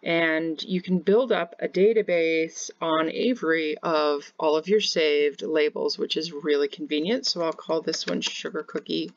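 A woman's voice: low voice, fairly even intonation, a little slow, hardly any pauses, no room sound, muffled recording. Woman explaining labels step by step. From Kansas, United States. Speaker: home bakery business teacher. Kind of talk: screen-share software tutorial. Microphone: webcam in corner of screen share.

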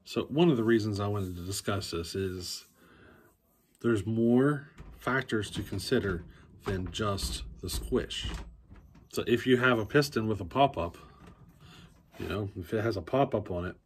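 A faint hiss or hum sits under this casual chainsaw how-to from a basement workshop. The man, in his forties, has a low-side voice and a measured pace, chatting easily to a close phone camera and thinking aloud with fillers and restarts.

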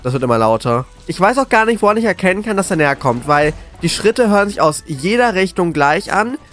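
A man commentating live on a horror game as a scared, jittery streamer, excitable and often repeating words. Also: high voice, fairly quick, faint music behind. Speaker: gaming video creator.

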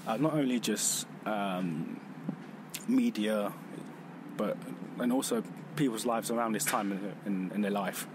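Out on a noisy city street, a thoughtful Vietnamese man with a fairly low voice offers reflective personal testimony for an exhibition. He pauses and corrects himself as he talks.

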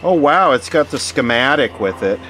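A vlogger unboxing vintage radio gear offers casual, hands-on commentary, musing aloud in short phrases broken up by pauses. His voice is medium-pitched, and steady background noise runs under the recording.

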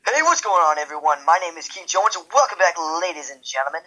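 A man's voice: on the high side, lively intonation, fast talker, pushed and bright, husky, low-quality recording. A young man greeting viewers in an upbeat casual chat before a game. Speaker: gamer intro host.

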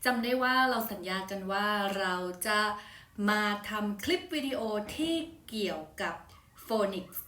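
Young woman teacher, chatty phonics lesson, drags out each word slowly, bit far from the mic, echoey room. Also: medium pitch, pushed and bright. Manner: chatty, polite, slow deliberate word demonstrations. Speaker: English teacher. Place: hot room. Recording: roomy echo, voice from a distance.

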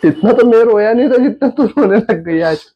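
Teasing young man with a husky voice. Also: sits high, animated, moderate pace, muffled recording. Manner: teasing, chuckling, talks to viewers. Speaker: vlogger, husband doing a prank. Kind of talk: casual home vlog.

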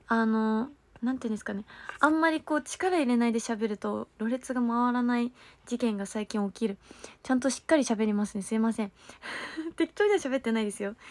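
A woman's voice: a little high, no echo. A young woman hosting a casual livestream, rambling and thanking viewers, her diction slightly slurred. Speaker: livestream host and stage performer.

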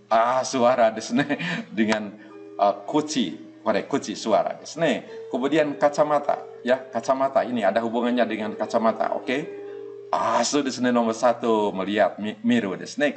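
A man teaching a Japanese kanji lesson. He speaks patiently, repeats small checks and gives a soft laugh now and then. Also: fairly low pitch. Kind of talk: online language lesson.

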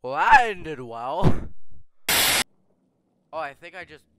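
A young man streaming horror games, scared and jumpy, bursting into yells and exclamations as he reacts into a headset mic. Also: on the high side, expressive, slow pace. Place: small indoor room at home. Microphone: headset microphone. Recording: clearly noisy gaming headset recording.

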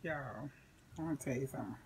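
A woman's voice: a bass voice, fast talker, very noisy. A woman from Florida chatting animatedly to camera as she eats in a casual food vlog, full of exclamations. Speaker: food vlogger. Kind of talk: casual mukbang chat to camera.

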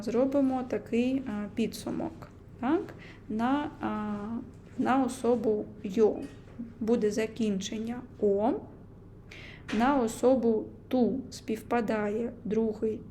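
A young woman teaching a language lesson, explaining grammar slowly and carefully, with frequent hesitations. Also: a little high, dark tone, slight background noise.

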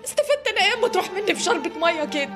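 A fiery, sharp-tongued young woman in a TV drama, who speaks in a very high voice at a rapid pace. Music plays clearly under her lines. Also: big pitch swings. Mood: upset.

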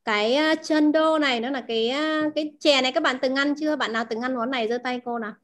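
Fast-talking, with a voice that sits high and a fairly bright tone, a woman of Vietnamese first language teaches language students. She explains words, keeps quizzing the class and repeats the main terms.

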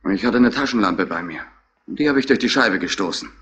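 A sullen young burglar. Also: male voice, fairly low pitch, lively intonation, fairly quick, a bit bright. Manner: sullen, impatient answers. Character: young male petty burglar, sullen and defiant. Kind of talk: 1960s German radio crime drama. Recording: old radio play with faint hiss.

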